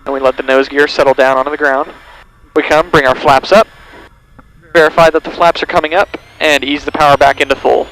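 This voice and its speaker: This pilot's voice is fairly high and bright, brisk, with little pitch movement. Talking as if over the radio through a cockpit headset in a small plane, he walks through pattern work step by step, amid engine drone and radio noise in noisy headset audio.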